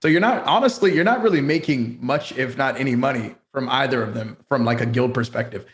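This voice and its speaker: A man of middle pitch talks frankly and playfully as a podcast guest. He stays animated and throws in slangy asides as he makes his points. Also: fairly quick. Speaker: guild founder guest. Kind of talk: casual chat.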